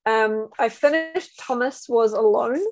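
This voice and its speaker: A woman's voice: on the high side, a little slow, darkish tone, no room sound. A woman in a casual gaming chat as one of a podcast panel.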